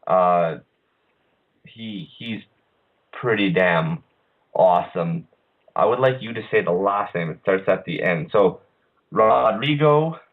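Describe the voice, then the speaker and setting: A man hosting an online radio show, talking casually with lots of hesitations and restarts. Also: sits low. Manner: halting, many uhs and restarts. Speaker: podcast host. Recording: phone-line quality audio.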